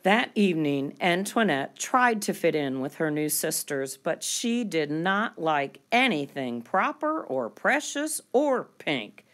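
A woman with a fairly low voice reads a children's picture book aloud. Her delivery is very slow and deliberate, with animated rises and falls. She draws out key words expressively for young listeners.

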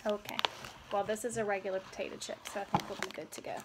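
A woman's voice: mid-range voice, flat delivery, fast talker. A middle-aged woman co-hosting a casual family snack-tasting vlog as the mother, upbeat and reading snack notes aloud. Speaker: mother and co-host. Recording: loud background noise on a home video.

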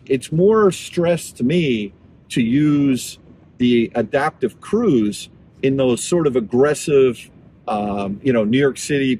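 A man's voice: mid-range voice, darkish tone, slight background noise. A man talking casually from inside his car, rambling and thinking aloud as he drives and charges. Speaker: vlogger reviewing electric cars. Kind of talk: casual talk while driving.

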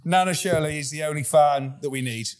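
Man, podcast host, fairly high voice, casual rambling chat, repeats his words. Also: fairly quick. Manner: rambling, repeats words when he starts a sentence; laughs often between lines.

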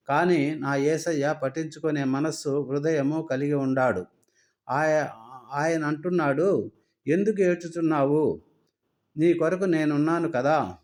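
A man preaching a sermon, earnestly reciting scripture references in quick runs. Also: a little high, a little mellow.

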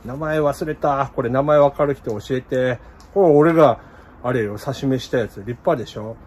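A man's voice: mid-range voice, normal speed, darkish tone, breathy edge. A middle-aged man with a Kumamoto dialect, chatting casually in a plant vlog and laughing at himself. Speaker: plant shop owner.

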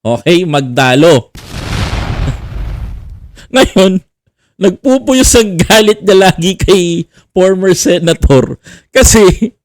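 A man's voice: sits high, slow pace, pauses often, no echo. A man hosting a vlog, giving casual teasing commentary, laughing often and repeating himself. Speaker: vlogger host.

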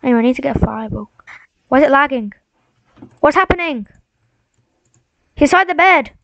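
A woman's voice: high voice, lively intonation, a little fast, a bit bright, no echo. A young woman streaming a game, rambling and mock-heroic as she talks to herself and her viewers. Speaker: gaming streamer. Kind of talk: casual live-stream commentary. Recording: dull lo-fi sound.

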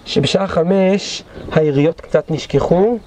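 A man leading a guided history tour, telling battle stories dramatically and acting out the shouts of those involved. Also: on the high side, a crowd in the background. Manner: dramatic storyteller, acts out quoted shouts. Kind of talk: guided tour storytelling lecture. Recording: dull lo-fi recording.

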